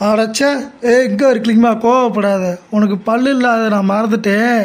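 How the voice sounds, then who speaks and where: A bumbling old father-in-law, voiced by a performer, who teases his wife. His voice sits at a middling pitch, with playful banter in a comedy skit. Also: steady tone, normal speed, lightly acted. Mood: teasing. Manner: teasing, bantering.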